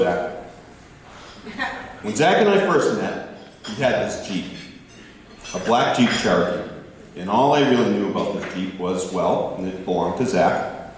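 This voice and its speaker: A man giving a best man's toast, telling stories in a jokey, theatrical way. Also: medium pitch. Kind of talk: storytelling wedding speech to guests. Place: large indoor reception venue. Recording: echoey hall, distant, noisy background.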